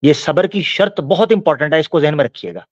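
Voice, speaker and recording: Man, islamic commentary, slow verse recitation, dry muffled sound. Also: a little high, expressive, no room sound. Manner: explanatory, recites verses slowly. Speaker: religious commentator.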